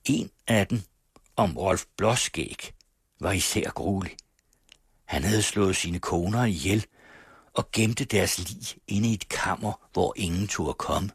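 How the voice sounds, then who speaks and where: A man reading a classic story aloud in a measured, even way. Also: low voice, husky, no echo, clean studio sound. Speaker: audiobook narrator. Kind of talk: scripted narration of a classic story.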